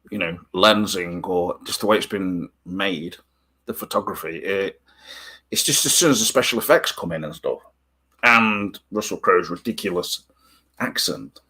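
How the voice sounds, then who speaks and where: Lowish husky guy, measured and skeptical about movies. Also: bright, forceful tone. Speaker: podcast co-host. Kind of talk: casual chat about films.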